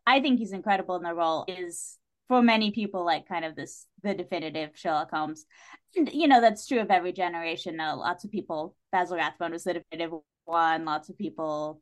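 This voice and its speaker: With a fairly low-pitched voice, a woman guests on a podcast in casual talk, recounting stories animatedly with lots of "like" and acted-out reactions.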